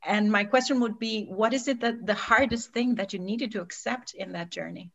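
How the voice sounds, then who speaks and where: A woman co-hosting a podcast, warm and effusive, sometimes searching for her words as she asks questions. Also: mid-range voice, normal speed, vocal fry. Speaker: podcast co-host. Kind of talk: casual interview chat.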